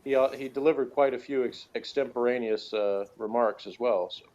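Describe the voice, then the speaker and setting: Brisk and a little mellow, this mid-range male voice belongs to a podcast co-host discussing a TV show in a casual, unscripted way, hesitating, rambling and repeatedly looping back over what he said. The recording has its highs cut off.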